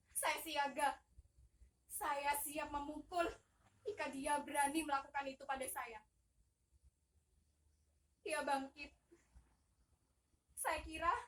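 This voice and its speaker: A young woman plays an imprisoned female migrant worker, beaten and desperate, in an impassioned theatrical monolog. Her high, bright voice moves slowly and deliberately, swinging between sobbing outcries and hushed dread. It is heard from a distance, away from the mic. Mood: hushed, fearful. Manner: impassioned, cries out and sobs. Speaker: student actor.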